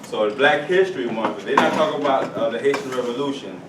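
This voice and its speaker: A young man holds forth to a room of schoolchildren, lively and playful, pulling them into call-and-response. He is picked up from across a reverberant room by a distant camera, with steady background noise. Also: medium pitch, brisk. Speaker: guest speaker at a school career day. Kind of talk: motivational talk to children. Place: school classroom or hall.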